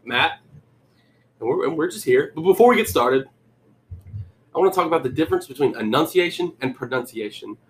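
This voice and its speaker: A man's voice: fairly high pitch, lively intonation, brisk, pauses often, slight background noise. A young man co-hosting a casual movie podcast, joking and rambling with frequent restarts. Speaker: podcast co-host.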